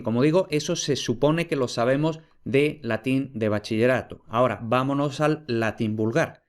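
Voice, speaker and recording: A man lectures over slides in a clear, patient voice. His pitch sits in an ordinary middle range. He slows down to spell out example words syllable by syllable. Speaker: Latin philology lecturer.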